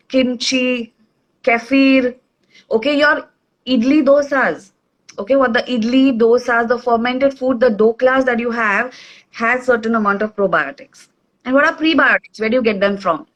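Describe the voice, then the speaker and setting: Indian english lady on a video call, kinda high voice, keeps saying okay as she explains. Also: unhurried, fairly bright tone, lo-fi sound. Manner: explains simply, says okay often. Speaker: nutrition expert guest. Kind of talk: casual online talk.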